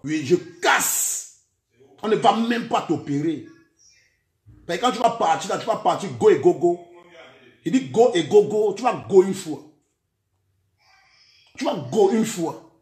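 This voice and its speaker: A man's voice: high voice, animated, measured pace, pauses often, darkish tone, echoey room. A man from Cameroon with a Cameroonian French accent, mixing in Camfranglais, delivering a heated, threatening rant for social media and repeating the same words.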